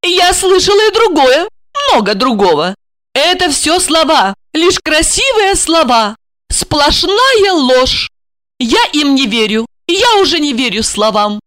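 A woman voicing a frightened, accusing young wife with a shrill, tearful manner. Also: big pitch swings, takes it slowly, fairly bright tone, no echo, clean studio sound, heavily acted. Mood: bitter accusing.

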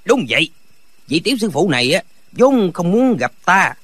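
Man doing blustering male bandit, gruff, husky, lively pitch. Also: a little fast, exaggerated voice.

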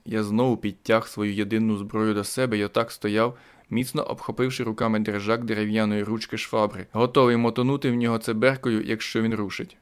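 A man's voice: lowish voice, clear, resonant tone. A man narrating a first-person thriller audiobook with dramatic tension.

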